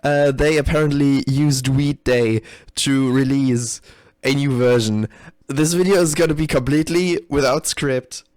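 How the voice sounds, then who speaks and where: With a medium-pitched, darkish voice that moves a little slowly, this man rambles through unscripted live commentary for his reaction video as a game developer. He swears, mocks himself, giggles a lot and keeps bursting out laughing, all captured without echo.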